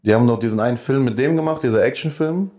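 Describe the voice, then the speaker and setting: A man co-hosting a casual podcast chat, asking calm questions and pushing back on the others. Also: medium pitch, racing. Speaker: podcast co-host.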